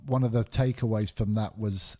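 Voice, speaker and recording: His voice is on the low side and warm, with fairly even intonation and a moderate pace. The middle-aged MMA referee, born in Scotland but raised in England, appears as a guest on a relaxed podcast, speaking candidly and rambling with many fillers.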